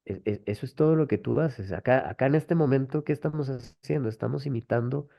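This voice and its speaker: Here a Colombian webinar host, pitching a language method, speaks fairly quickly in a creaky mid-range voice. His patient explanations over the video call are full of rhetorical tag questions. The audio is dull and lo-fi, typical of a call.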